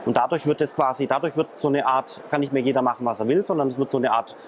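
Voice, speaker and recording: A man's voice: medium pitch, fairly even intonation, quick pace, a little hiss or hum. A man explaining things as an interview guest, talking hesitantly with many filler sounds and restarts. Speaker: interview guest, blockchain expert. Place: in Frankfurt, near traffic.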